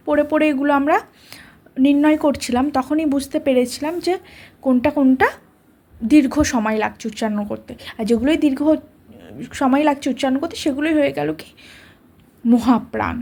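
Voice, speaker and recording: A woman's voice: sits high, a little mellow. A woman teaching a grammar lesson to students, patient and repetitive, often checking that they follow. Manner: patient, repeats letters slowly, asks "ঠিক আছে?".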